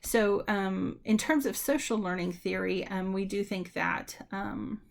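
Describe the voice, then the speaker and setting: A woman's voice: mid-range voice, a little slow, vocal fry. A woman giving a university lecture in a conversational way, with frequent ums and restarts, talking straight to her students. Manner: addresses students directly. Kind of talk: recorded lecture.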